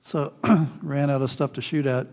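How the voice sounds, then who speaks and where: A man preaching a sermon, telling childhood stories in a lively way, often chuckling and acting out what people said. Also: mid-range voice, measured pace. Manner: animated storyteller, chuckles often, acts out quotes.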